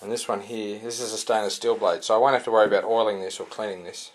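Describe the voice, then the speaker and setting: Man, somewhat low voice, casual review, hesitant, rambling. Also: steady tone, fast. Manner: rambling and hesitant, many "uh" fillers and restarts. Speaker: sword reviewer.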